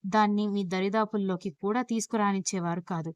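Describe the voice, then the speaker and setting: A chatty young wife from a read-aloud love story, lively and playful, voiced by a woman. Her pitch sits in the middle. The voice is dry and close to the mic. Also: a little fast, no room sound, natural voice.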